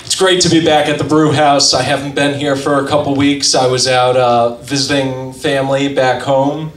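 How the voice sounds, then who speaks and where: A man's voice: medium pitch, little pitch movement, slight background noise. A young man from Massachusetts doing conversational stand-up on a small open mic stage, holding the mic. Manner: brisk, conversational storytelling. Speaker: stand-up comedian. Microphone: handheld mic. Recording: roomy, from far off.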